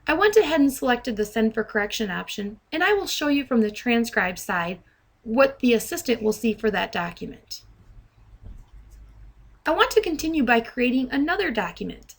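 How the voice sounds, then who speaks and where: In a fairly high, sing-song voice, a software trainer voices over a screen recording of a demonstration. Her delivery is deliberate and instructional, with each dictated command spoken crisply.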